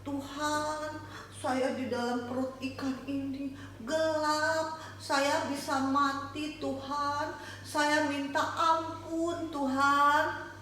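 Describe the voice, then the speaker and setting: A woman voicing a sorrowful, repentant man in a children's Bible story, soft and hushed. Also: sits high, flat delivery, drawn-out words, heavy reverb, a little hiss or hum, full character voice. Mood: pleading.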